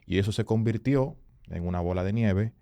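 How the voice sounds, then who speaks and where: A man, a communication consultant, telling earnest stories as a podcast guest, emphatic and rising in pitch when he quotes people. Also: moderate pace, dark tone, no room sound. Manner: earnest, emphatic storyteller who rises in pitch for quoted voices. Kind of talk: storytelling in a podcast interview.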